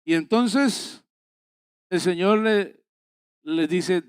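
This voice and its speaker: High, smooth-voiced male pastor preaching. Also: extremely slow, no echo, clean studio sound. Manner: earnest, exhorting, repeats phrases for emphasis. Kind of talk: sermon. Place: church service.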